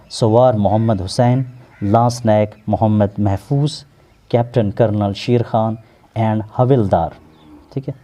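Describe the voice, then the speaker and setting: A man with a Pakistani accent, working as an English teacher and explaining a textbook lesson slowly, word by word, repeating terms to drill pronunciation. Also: on the low side, dark tone. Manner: slow word-by-word translating, repeats words for pronunciation.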